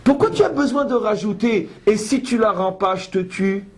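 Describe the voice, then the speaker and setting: A woman's voice: medium pitch, moderate pace. A woman giving a Torah study lesson. She reads Hebrew verses aloud and then explains them with pointed, ironic asides. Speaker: Bible teacher.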